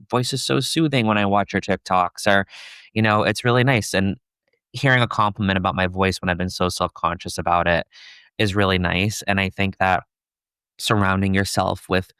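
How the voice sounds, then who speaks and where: This young man speaks softly as a podcast guest, a content creator in a casual conversational interview. His low voice is smooth, clear and somewhat feminine, holding a fairly even tone sprinkled with "like" and "you know." The sound is close and dry, with no echo.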